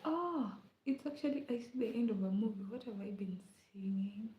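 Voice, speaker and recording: A young Kenyan woman chats casually on a livestream in a mid-range voice with lively intonation and normal speed, often dropping to a whisper and humming lines of songs. The lo-fi sound comes from an echoey room.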